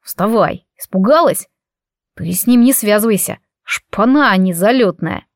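A woman reading an audiobook voices a tough fourteen-year-old boy who talks in a gruff, slangy, offhand way. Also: medium pitch, lively intonation, a little slow, no room sound, clean studio sound. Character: tough teenage boy, about fourteen, cocky protector.

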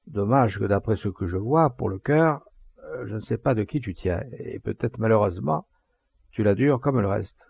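Brief: jovial middle-aged poacher, fatherly and preachy, put on by a male reader; gravelly, dry, lo-fi. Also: normal speed, no room sound. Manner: booming, hearty, sententious.

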